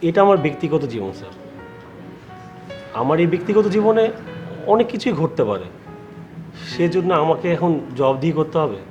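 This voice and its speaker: Young teacher, male actor, pleading and defensive, lively pitch. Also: fairly quick, pauses often, muffled recording, music in the background, natural voice. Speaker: young schoolteacher. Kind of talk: TV serial acting.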